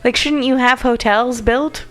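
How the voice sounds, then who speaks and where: A woman's voice: a little high, measured pace. A woman co-hosting a radio studio podcast, reading out the news with playful, teasing banter. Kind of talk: casual banter.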